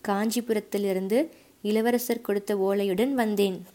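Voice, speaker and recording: A woman's voice: medium pitch, steady tone, measured pace, mellow, natural voice. A woman voicing a bold but polite young male warrior messenger in an audiobook, speaking humbly and respectfully. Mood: humble. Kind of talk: audiobook character voice.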